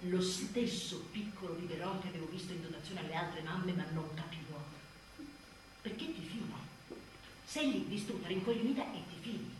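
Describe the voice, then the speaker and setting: A woman playing an exhausted, furious new mother in a theatrical monologue, biting and sarcastic, swinging from shouts to hushed tones. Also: on the low side, moderate pace, recorded from a distance, background noise, lightly acted. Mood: bitter. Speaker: stage actress. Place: theatre stage. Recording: very echoey stage recording from afar.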